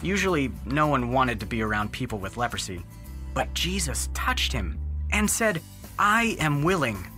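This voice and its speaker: Lively children's Bible story narrator. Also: medium pitch, normal speed. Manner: friendly, explaining simply. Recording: music underneath.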